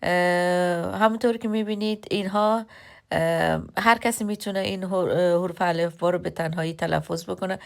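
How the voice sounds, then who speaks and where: A woman teaching a beginner English lesson, patient, with frequent filler pauses, spelling words out slowly sound by sound. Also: fairly low pitch, steady tone, creaky.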